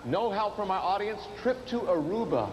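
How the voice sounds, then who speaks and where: High-pitched male game show host. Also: very animated, moderate pace. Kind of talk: game show hosting before an audience. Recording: very noisy TV studio recording.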